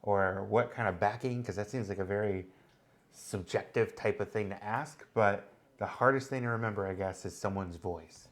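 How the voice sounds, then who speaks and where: A man's voice: fairly low pitch, normal speed. A man co-hosting a casual chat, explaining ideas at length and thinking aloud with many fillers. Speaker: co-host.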